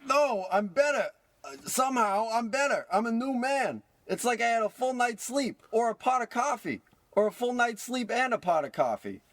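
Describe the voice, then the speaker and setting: In a spoof of vintage radio drama, a man plays an old miser attempting to be good, using a high, fairly bright voice at normal speed. He's animated, cranky, self-absorbed and manic, with a giddy, excited mood, and the recording is dry.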